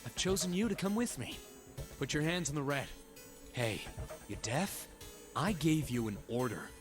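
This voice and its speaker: Man acting unhinged young villain, swinging pitch, music behind. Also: expressive, normal speed, natural voice. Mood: cold, menacing. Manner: unhinged villain, taunting and commanding. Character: menacing young male gunman turned villain, bossy, foul-mouthed. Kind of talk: video game voice acting. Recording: game music under the voice. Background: game music.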